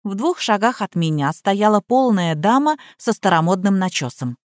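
Female audiobook narrator, mid pitch, wry first-person telling, dry close mic. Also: sing-song, moderate pace, darkish tone, no room sound. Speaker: audiobook reader.

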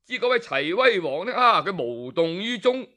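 Telling a traditional tale with lively drama, this Hong Kong Cantonese-accented man punctuates his speech with interjections and pauses. His voice sits high.

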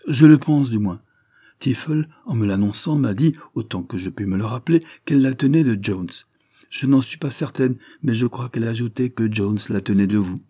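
A man reading aloud voices a timid, anxious young woman in a Victorian audiobook, slipping into a hushed near-whisper. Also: mid-range voice, normal speed, no echo, clean studio sound, lightly acted.

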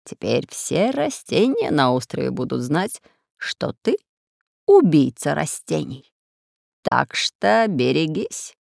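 A woman playing a slow, grave old professor. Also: deep voice, very animated, vocal fry, darkish tone, no echo, clean studio sound, full character voice. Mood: ominous. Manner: slow, measured and ominous. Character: elderly male professor and geographer, calm and learned.

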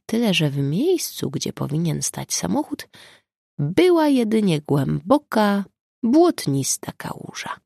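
A woman reads an audiobook in a measured, expressive way. Her voice sits on the low side with a gravelly, creaky texture, and the recording is dry and close with no room sound. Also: no room sound. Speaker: audiobook narrator. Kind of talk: scripted narration.

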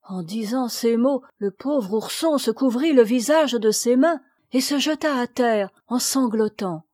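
Slow-reading woman narrator. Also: fairly high pitch, a little mellow, dry recording, studio quality. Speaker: audiobook reader. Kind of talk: scripted storybook narration.

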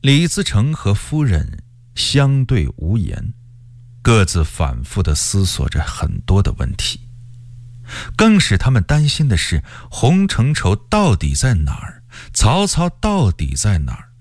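A male storyteller giving an expressive radio reading of a historical novel. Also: lowish voice, measured pace, no room sound. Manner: expressive, lively delivery.

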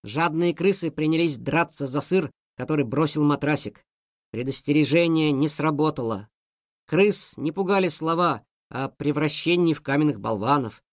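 A man reads a children's story aloud with lively, expressive storytelling. His voice sits a little high for a man. The recording is dry and close. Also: moderate pace, no echo. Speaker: narrator. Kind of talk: scripted narration of a children's story.

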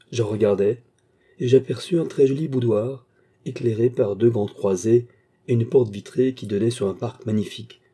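A man reading a classic short story aloud as an audiobook narrator, measured and even. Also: lowish voice, breathy edge. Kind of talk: scripted narration of classic fiction.

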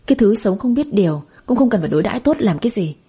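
A spiteful middle-aged mother-in-law with a sharp, insulting tongue, as a woman storyteller puts her on. The voice is warm and low-toned, a little husky, even as she scolds. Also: rapid-fire. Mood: scornful scolding.

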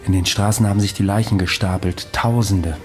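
A man's voice: low voice, steady tone, fairly quick, faint music behind, close to an everyday voice. An actor playing a world-weary, undying ancient wanderer in an audio drama, telling his past in a wry, brooding manner. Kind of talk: audio drama dialogue and storytelling.

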